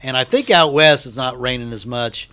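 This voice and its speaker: An American man co-hosting a sports radio show, chatting casually in a halting way and repeating himself. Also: medium pitch, bright, forceful tone, clear, resonant tone. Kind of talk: casual chat. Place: radio studio.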